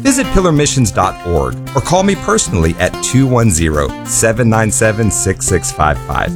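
Earnest deep-voiced man over guitar. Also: big pitch swings. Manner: earnest, measured. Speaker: mission spokesman. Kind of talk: scripted radio appeal. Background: soft guitar music.

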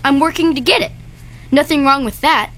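An earnest, high-pitched young boy. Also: a little fast, a bit bright. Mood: upbeat, sincere. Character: earnest young boy Sam, hardworking and dutiful. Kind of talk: audio drama acting.

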